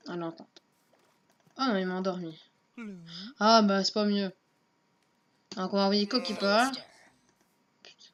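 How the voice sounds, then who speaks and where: Unhurried woman muttering over gameplay. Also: mid-range voice. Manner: muttering to herself, unhurried and offhand. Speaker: let's play gamer. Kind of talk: casual gameplay commentary. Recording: dull lo-fi home mic with faint noise.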